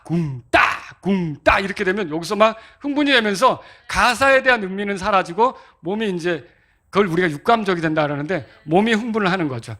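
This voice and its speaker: A man preaching to his congregation about how hymns should be sung, stopping often to quiz his listeners and sound out beats himself. His voice sits high and carries a bright, ringing edge. He explains like a patient teacher at the pulpit. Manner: interactive, asks congregation to clap and answer; sings out beats to demonstrate rhythm. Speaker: pastor. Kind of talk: sermon teaching on hymn rhythm.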